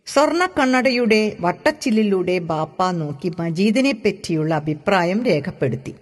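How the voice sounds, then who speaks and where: A woman narrating a novel chapter in a measured, expressive reading voice. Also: medium pitch. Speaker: audiobook reader. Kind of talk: storybook reading. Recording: long reverb.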